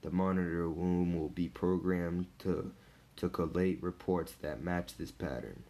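A man reading the lines of a grave, commanding male alien hero in a low, gravelly, formal way. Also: steady tone, unhurried, dark tone.

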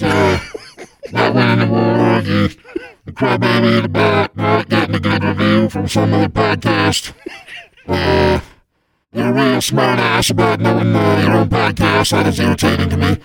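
Krampus, as a man puts him on, gravelly and cackling. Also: on the low side, steady tone, normal speed, loud music behind the voice. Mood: gleeful menace. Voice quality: gravelly, growling rasp. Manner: mocking, cackling, rambling menace. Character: gleeful child-eating male Christmas demon, gruff and boastful. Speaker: show host.

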